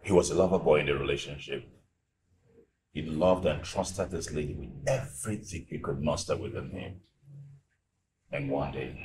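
With a dark-toned bass voice, a Nigerian-accented actor portrays the boss's friend, a man recently divorced, who chats easily and laughs between comments as he confides in a young staff member. The room is echoey, with noise in the background.

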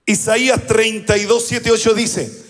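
A pastor delivering a sermon, prompting the congregation to repeat phrases back to him. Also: male voice, sits high, steady tone, a little slow, long reverb tail. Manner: preaching with call-and-response prompts to the congregation.

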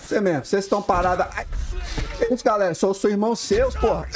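Man, Brazilian accent, young adult, gameplay commentary, excitable, swears, game music behind. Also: high-pitched, fast talker. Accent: Brazilian Portuguese. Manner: excitable, swears, yells in fights. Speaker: gaming YouTuber.

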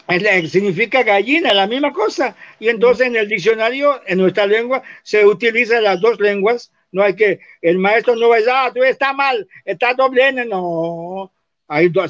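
A man teaching, explaining spelling and pronunciation slowly and repeating words to show how they sound. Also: high-pitched, a bit bright. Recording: dull lo-fi recording.

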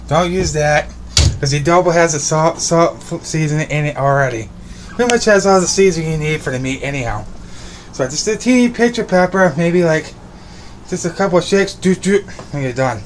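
Holding his phone at arm's length, a young man cooks and chats casually in a small home kitchen and bedroom, upbeat, rambling and repeating words. His voice is fairly high, and a little hiss or hum runs through the recording.

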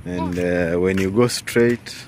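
A man's voice: deep voice, slow, crowd noise. A man filming a casual walking vlog outdoors on a phone, chatty and teasing, mixing English and Swahili. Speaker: vlogger filming a walk. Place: outdoors by a stadium at dusk. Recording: outdoor street noise.

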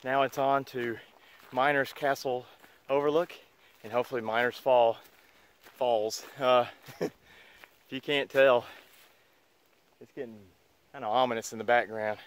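A man in his thirties talking casually to a handheld camera on a forest trail, relaxed and chatty. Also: mid-range voice, unhurried, pauses often, clean tone. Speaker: hiking vlogger. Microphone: handheld camera at arm's length.

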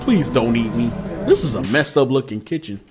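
A young gaming streamer plays a horror game live from a small room with posters behind, with a noisy background. His medium-pitched voice is very animated at a moderate pace as he nervously addresses chat. He's jumpy, erupting in loud yelps and laughter.

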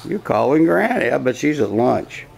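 An older grandfather talking slowly and repetitively to a toddler, coaxing him in a casual home video. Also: medium pitch, big pitch swings, vocal fry, a little mellow. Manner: slow, repetitive coaxing talk to a small child.

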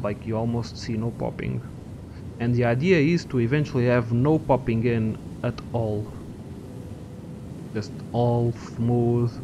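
Over some background noise, a young adult man with a lowish voice hosts casual gameplay commentary on his gaming channel, rambling, swearing and musing aloud.

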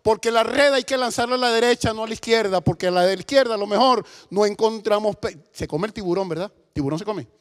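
A middle-aged man with a Venezuelan accent preaching a sermon in a church, impassioned, swinging between loud bursts and hushed asides. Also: high-pitched, fast talker, hardly any pauses, smooth. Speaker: pastor. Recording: echoey church hall.

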